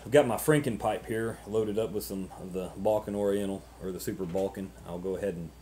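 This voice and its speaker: Low, mellow, halting man, noisy webcam audio. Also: steady tone. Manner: halting, ruminative, repeats words. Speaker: pipe-smoking vlogger. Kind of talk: casual unscripted chat to camera.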